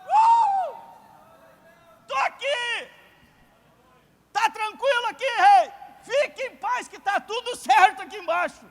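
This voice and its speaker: Brief: male preacher doing a cheerful Daniel shouting up from a pit, high, ringing in a big hall. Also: slow pace, pauses often, some chatter behind, exaggerated voice. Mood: joyful shouting. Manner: shouting up joyfully, relaxed and reassuring. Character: prophet Daniel calling up from the lions' den, cheerful. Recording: long church hall reverb.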